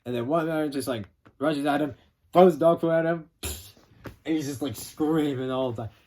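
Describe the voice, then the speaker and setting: A man casually retelling a film's plot as a reviewer, rambling and animated, acting out quotes with some swearing. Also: a little high, moderate pace. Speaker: film reviewer.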